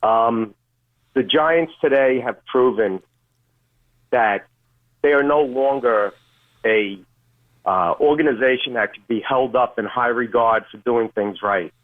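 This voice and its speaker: A man calling in to a radio show over a phone line, speaking in a halting, measured way. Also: medium pitch. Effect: phone call on radio. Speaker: caller. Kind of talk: call-in radio.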